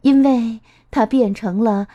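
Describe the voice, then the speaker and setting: A woman reading a children's story aloud, slow and expressive in a sing-song way. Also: fairly high pitch, highs cut off.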